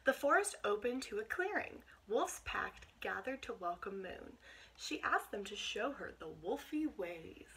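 An American woman in her twenties, a teacher, reads a picture book aloud to young listeners, adding asides in an expressive, encouraging way. Her mid-range voice comes through a rough home camera microphone recording with clear background noise in a small bedroom.

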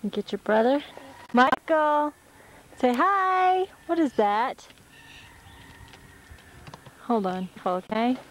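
A woman's voice: a little high, animated, slow pace, pauses often, a little hiss or hum. A woman filming her young children on a home camcorder, coaxing them in a sing-song baby-talk voice. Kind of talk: home video narration. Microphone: handheld camcorder.

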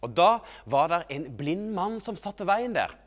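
A man hosting a children's program tells the kids a Bible story in a playful, animated way. His voice sits fairly high and swoops up and down with a lot of expression. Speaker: children's TV host.

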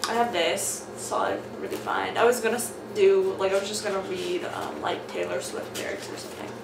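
A young adult vlogger from Southern California answers an accent challenge questionnaire, chatting in a rambling, informal, sweary way. Her medium-pitched voice is steady, fairly quick, and marked by vocal fry. She's in a small bare-walled room, and the distant mic picks up room echo and noticeable background noise.

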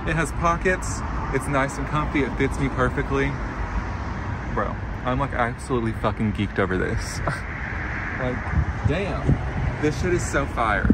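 A young man in his twenties vlogging on his phone, excitable and chatty, swearing freely and saying "like" a lot. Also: medium pitch, measured pace, pauses often, very noisy. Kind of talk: casual vlog talk to camera. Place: inside a car, then a hotel room, then an outdoor street. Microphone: phone camera held at arm's length.

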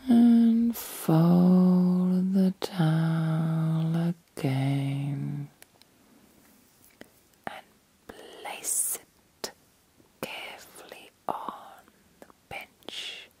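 Woman doing asmr guided meditation, whispery and soft dark tone, bit creaky, long pauses. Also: low voice, steady tone, a little hiss or hum. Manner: slow, deliberate, repetitive phrasing with long pauses.

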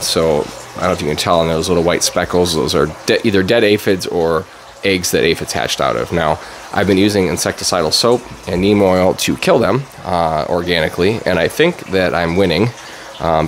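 A man in his thirties giving a relaxed, chatty walkthrough as host of a DIY channel, with plenty of fillers. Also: sits low, a little hiss or hum. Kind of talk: casual walkthrough vlog. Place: basement grow room under pink grow lights; garage workshop, indoors.

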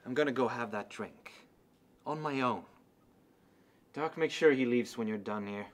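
A man's voice: medium pitch, normal speed, close to an everyday voice. A man playing a noir police detective in a film, a chummy but defensive partner with casual, clipped talk.

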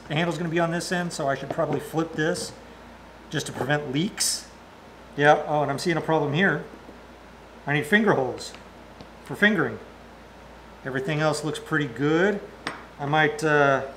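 A man's voice: a little high, fairly bright tone, slight background noise. A middle-aged man chatting casually and joking to himself while building a project in a large arched metal workshop. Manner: jokey, talks to himself while working. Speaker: maker and woodworking host. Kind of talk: casual workshop vlog talk.

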